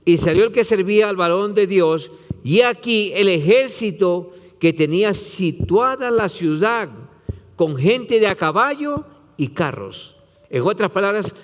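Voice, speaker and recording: A man's voice: high-pitched, in a large hall. A man, a pastor preaching a sermon, retelling scripture with dramatic voicing and repetition.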